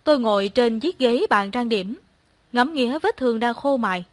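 A young woman narrates her own story calmly and evenly, her voice sitting fairly high. The recording is dry and close to the mic, with no room sound at all. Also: normal speed, no room sound. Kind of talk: first-person story narration.

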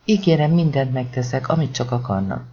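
A frightened twelve-year-old boy on the run, begging and yelping in panic, as a man reads him in his own gravelly, mellow voice. It comes through a dull, lo-fi recording. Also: medium pitch, expressive, a little hiss or hum, close to an everyday voice. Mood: pleading. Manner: pleading, panicked outbursts.

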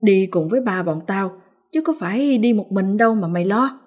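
A woman's voice: mid-range voice, lively intonation, normal speed, darkish tone, husky. A woman voicing a brash, bossy young village man leading his friends.

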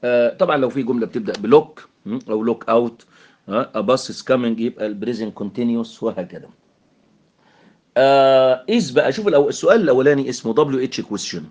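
Fast-talking Egyptian male teacher. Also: mid-range voice, darkish tone, muffled recording. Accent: Egyptian Arabic. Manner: explanatory, mixes English terms, frequent fillers. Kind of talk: English grammar lesson explained in Arabic.

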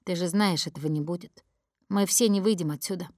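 A woman's voice: mid-range voice, normal speed, dry recording, clean studio sound, close to an everyday voice. Woman voicing a cold taunting gang leader. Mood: cold, menacing. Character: menacing young male gang leader, bitter and cold.

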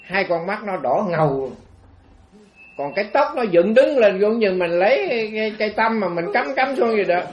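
High-voiced monk telling a tale. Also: male voice, expressive, normal speed. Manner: folksy, rambling with many fillers and restarts. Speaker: Buddhist monk giving a dharma talk. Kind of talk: storytelling sermon. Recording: dull lo-fi recording.

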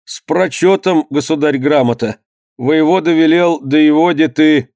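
A man's voice: on the high side, measured pace, darkish tone, dry recording, studio quality, pitched above the performer's own voice. A man voicing a frightened young male servant who speaks timidly and pleads.

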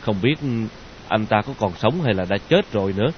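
A man narrating a story in an expressive audiobook reading, in a dull lo-fi recording. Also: on the low side, fairly quick, a little hiss or hum.

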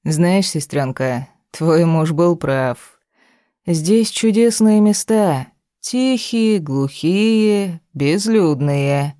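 A sinister, sneering man from an audiobook speaks slowly and teasingly, as a woman reader puts him on. His words are drawn out in a low, dark tone. The sound is dry and close. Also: no room sound. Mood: sly menace. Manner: slow, drawn-out, mocking. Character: sly menacing man, heroine's half-brother. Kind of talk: audiobook character reading.

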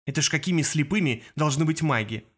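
Narrator doing chill loyal teen friend, calm and low-key. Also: male voice, fast talker. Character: steady loyal teenage boy friend.

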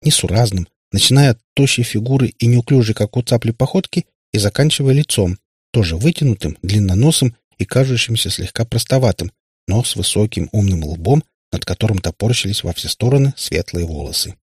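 A man narrating an audiobook in a calm, even storytelling manner. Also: fairly low pitch, fairly quick, breathy edge, no room sound, clean studio sound. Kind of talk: scripted narration.

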